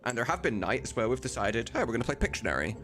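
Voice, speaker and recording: Speaking quickly in a mid-range, sing-song voice with a fairly bright tone, a man hosts a laid-back livestream as a voice mod editor, swearing occasionally and wandering off-topic. Background music and computer typing accompany him.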